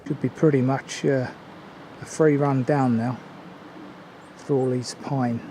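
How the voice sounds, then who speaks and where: Older man, mellow voice, outdoors. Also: medium pitch, steady tone, slow pace. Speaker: hiking vlogger. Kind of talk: casual walking commentary to camera. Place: outdoors on woodland and mountain trail. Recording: outdoor ambient noise.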